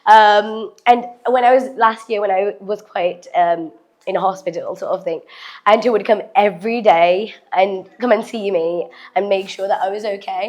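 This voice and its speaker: A young woman, raised in England, giving a halting speech full of fillers and introducing her family. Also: mid-range voice, steady tone, darkish tone. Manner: halting, with fillers and frequent laughs, mixing English and Malayalam. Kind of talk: affectionate speech, then casual chat. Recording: crowd chatter behind.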